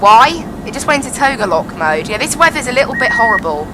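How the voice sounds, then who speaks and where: On a live stream with a noisy background, a woman whose voice sits on the high side flies a simulated airliner, very animated and talking fast. Chatting into a cockpit headset, she explains every step and keeps coming back to "I have to be honest."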